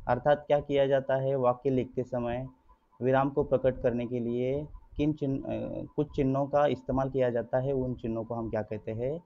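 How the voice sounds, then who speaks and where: A man gives an online grammar lesson to schoolchildren, calling them children and explaining patiently while posing rhetorical questions and answering them himself. His middle-pitched voice keeps a fairly even intonation at normal speed, and the recording sounds dull and lo-fi.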